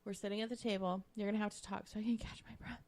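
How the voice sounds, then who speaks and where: A woman co-hosting a podcast talks in casual chat, her voice sitting at an ordinary middle pitch. She is chatty and self-deprecating, and often breaks in with quick remarks. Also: steady tone, darkish tone. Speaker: podcast co-host.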